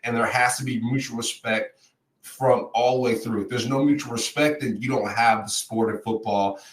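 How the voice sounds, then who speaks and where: A man's voice: medium pitch, steady tone, moderate pace, reverberant, distant mic, poor audio. A man co-hosting a sports podcast, a former player who makes emphatic points and repeats them. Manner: emphatic, repeats key points and addresses co-host by name. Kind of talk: casual sports talk.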